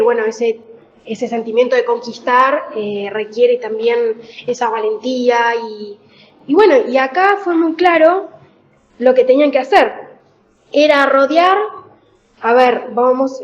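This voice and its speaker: A woman preaching a Bible reflection in a conversational way, pausing often with fillers. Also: a little high, muffled recording. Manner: conversational, with many fillers and pauses. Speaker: church speaker.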